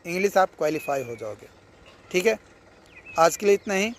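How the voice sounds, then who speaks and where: A male coaching teacher speaks in a fairly high voice, talking students through exam preparation. He is casual and encouraging and keeps repeating each point. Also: animated, moderate pace, a little hiss or hum. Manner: repeats key points, coaxing "yaar" and "theek hai". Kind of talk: casual exam advice lesson.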